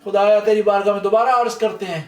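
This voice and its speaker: A man's voice: high voice, steady tone, darkish tone. A man giving a mourning majlis sermon and prayers, impassioned and rising to cries at the climaxes. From Pakistan. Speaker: majlis speaker. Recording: echoey hall, mic far off.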